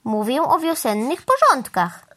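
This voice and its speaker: A woman's voice: high voice, wildly swooping pitch, a little slow, bright, forceful tone, voice pushed up, exaggerated voice. Woman doing a sing-song mother cow. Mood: calm. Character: cheerful, easygoing mother cow.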